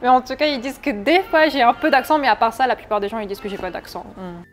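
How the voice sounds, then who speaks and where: Soft music plays in the background as a French woman in her twenties chats openly during a relaxed interview. Her pitch is fairly high and she speaks fast, frequently starting her sentences over.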